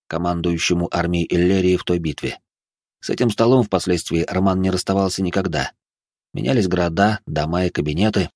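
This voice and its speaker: A man narrating a fantasy audiobook in a steady, measured reading. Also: low-pitched, dry recording, studio quality.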